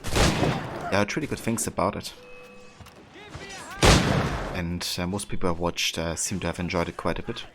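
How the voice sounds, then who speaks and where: Male game streamer, low register, relaxed conversational delivery with thoughtful hesitations, clear game noise underneath. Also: moderate pace, long pauses. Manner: hesitant, thoughtful, reads and answers chat. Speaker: video game livestreamer. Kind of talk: casual chat with viewers while playing. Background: game ambience.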